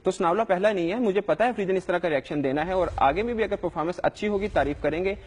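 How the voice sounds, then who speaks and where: A man's voice: high-pitched, slightly rough, in a large hall. A young adult man, a sports reporter, answering questions in a live news interview in an earnest, defensive way with frequent hesitations.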